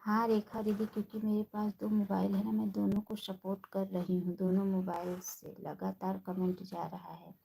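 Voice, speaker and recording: A woman hosting a casual live stream, chatting with viewers by name and speaking softly and slowly on a phone. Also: medium pitch, level tone, vocal fry, slight background noise, poor audio. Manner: talks softly and slowly, holding her voice down.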